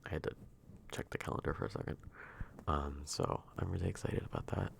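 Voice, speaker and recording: A man speaking softly and intimately, close to a whisper, in a drifting, hesitant ASMR whispered role-play ramble. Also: sits low, fairly quick, gravelly, a little hiss or hum. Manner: hushed, intimate, near-whisper at times.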